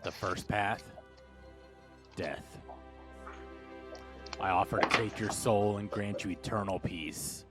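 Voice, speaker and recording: A game master voicing a booming otherworldly entity that speaks inside a character's mind, in slow, commanding pronouncements. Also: male voice, fairly even intonation, over music. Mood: ominous. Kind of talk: tabletop game narration.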